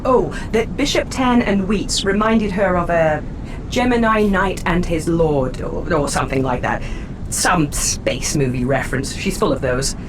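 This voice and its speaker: A woman's voice: measured pace, lightly acted. A woman playing a capable, candid female officer in a video game, conversational and self-assured. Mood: wry, candid. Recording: distant voice over vehicle rumble. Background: aircraft engine rumble.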